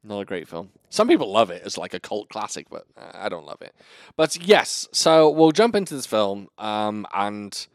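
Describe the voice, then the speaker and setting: Lower-voiced man hosting a film chat. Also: normal speed, no room sound, studio quality. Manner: animated, profane, jokey. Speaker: podcast host reviewing a film. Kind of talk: casual chat.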